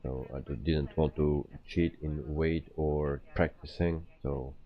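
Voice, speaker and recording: Very deep, slow-talking man streaming, dull sound. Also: steady tone. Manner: hesitant, explaining step by step. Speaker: flight simulator live streamer. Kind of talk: casual game commentary.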